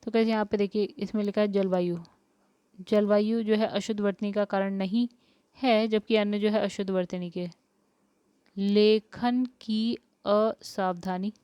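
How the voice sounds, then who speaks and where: Woman teacher explaining spelling, smooth voice. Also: medium pitch, fairly even intonation, moderate pace, mellow, dry recording, highs cut off. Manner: explains step by step, asks questions then answers them. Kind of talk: spelling lesson for exam prep.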